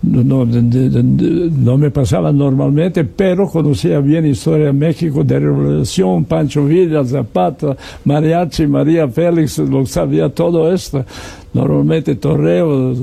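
Older Serbian man, gravelly dark voice. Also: on the high side, steady tone. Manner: halting speech with many fillers and restarts. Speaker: interview guest. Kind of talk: conversational interview.

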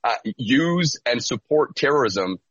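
A man in his thirties answers questions in an earnest, steady way. His voice is a little husky, and it is recorded dry and slightly dull. He makes his case with calm conviction. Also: mid-range voice, no echo. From United States, born in Syria. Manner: earnest, measured advocacy. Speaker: lawyer and guest. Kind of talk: interview answers.

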